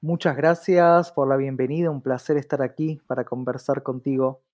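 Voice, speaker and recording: Speaking as an interview guest, this diversity consultant lays out his opinions in a Latin American Spanish accent, frequently tossing in quick rhetorical check-ins. His medium-pitched voice is steady and darkish at a normal speed. The lo-fi recording sounds dull and muffled.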